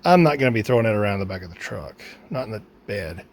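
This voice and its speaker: A DIY radio hobbyist presenter walks through a hands-on how-to, thinking aloud casually as he works. His voice is lowish and sing-song, and he talks fast. The recording is clear, with ambient background noise.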